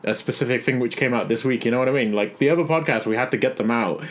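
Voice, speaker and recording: A man's voice: medium pitch, quick pace. A young man, co-hosting a podcast in casual, joking chat and laughing often. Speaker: podcast co-host.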